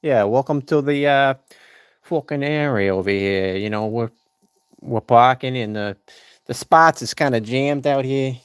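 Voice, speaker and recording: A man's voice: medium pitch, measured pace, clean tone, no echo, studio quality, lightly acted. A man voicing a brash, swaggering working-class guy with a Boston accent. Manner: swaggering, profane. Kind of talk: playful impression on a live stream.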